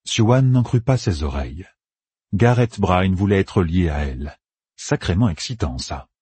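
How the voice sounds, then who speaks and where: Deep husky male narrator. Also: lively intonation, a little slow, warm tone, dry recording. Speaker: audiobook narrator. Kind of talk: scripted fantasy narration.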